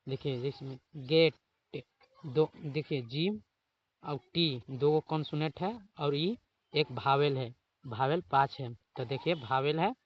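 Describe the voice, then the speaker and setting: A man's voice: medium pitch, measured pace, dull audio. A man teaching an online spoken English class, repeating his prompts often and spelling example words letter by letter. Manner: repetitive, keeps saying "dekhiye" and "theek hai".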